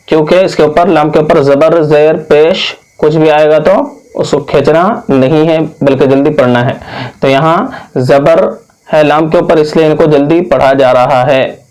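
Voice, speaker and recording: A man from India teaching Quran reading, spelling out each word slowly and patiently, drawing out long vowels. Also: a little high, a little mellow, low-quality recording. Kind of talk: slow spelled-out recitation lesson.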